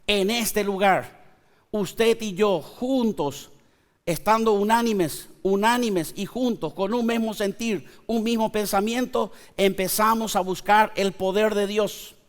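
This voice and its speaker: A man, preaching a sermon to his congregation with slow, emphatic pauses and conversational asides. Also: high-pitched. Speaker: pastor. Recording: long church hall reverb.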